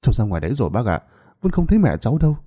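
A man voicing a scheming young woman who wails loudly in feigned grief. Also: a bass voice, big pitch swings, normal speed, breathy edge, heavily acted. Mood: fake sad. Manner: loud, theatrical wailing.

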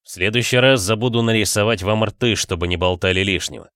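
A man playing a calm, stern mysterious stranger. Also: on the low side, a little fast, no room sound, clean studio sound. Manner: calm, reproving. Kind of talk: audiobook character voice.

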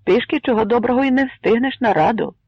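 A man voicing a calm, commanding Cossack colonel, measured and gloomy, with a gravelly, husky voice on a muffled recording. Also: extremely high pitch, no echo, pitched above the performer's own voice, full character voice. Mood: calm grim.

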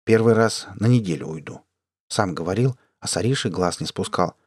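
A man's voice: deep voice, a little fast, breathy edge, dry recording, studio quality. A man voicing a worried young husband and father, a settler heading to mine work, speaking plainly and tenderly. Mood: quiet worried.

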